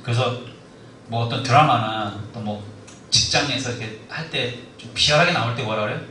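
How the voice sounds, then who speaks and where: A man's voice: medium pitch, normal speed, far from the mic, a little hiss or hum. A man preaching a sermon in a church hall, telling stories and acting out the quoted lines. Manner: animated storytelling, acts out quoted lines. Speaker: preacher at a discipleship school. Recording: echoey hall, mic from afar.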